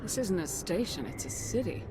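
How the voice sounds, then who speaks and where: Curt, dry commanding officer, lower-pitched, for a game. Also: female voice, very animated, normal speed, over loud music. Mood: wry. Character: tough female commanding officer.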